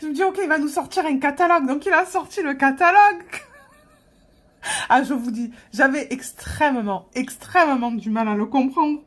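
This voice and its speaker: A woman's voice: high-pitched, normal speed, a bit bright. A woman vlogger telling a story in a casual way while she works on a craft, chatty, with frequent laughter and hesitations.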